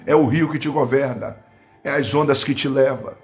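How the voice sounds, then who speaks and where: A man with a Brazilian Portuguese accent preaching a live-streamed Pentecostal sermon, fervent, swinging between loud bursts and low asides and breaking into tongues. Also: steady tone, normal speed, faint music behind. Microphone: webcam or phone on a live stream.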